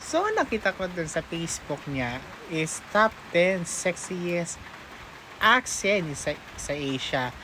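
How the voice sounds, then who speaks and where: A woman's voice: fairly low pitch, big pitch swings, slow, noisy background. A Filipino woman chatting casually in a reaction video, switching between Tagalog and English and reading comments aloud with frequent laughs. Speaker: reaction vlogger.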